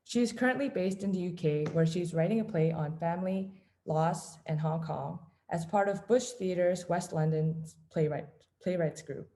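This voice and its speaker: A woman from Canada opens an online reading with a slightly low voice. She talks haltingly, filling gaps with ums, over a video call. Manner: many ums and pauses, soft-spoken. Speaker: event host. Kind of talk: hesitant live introduction over video call.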